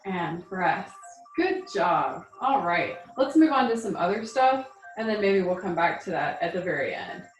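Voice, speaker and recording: A woman's voice: on the low side, very animated, a little slow. A woman leading a tai chi class, giving spoken movement cues in an encouraging, reassuring and informal way. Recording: roomy echo, music behind.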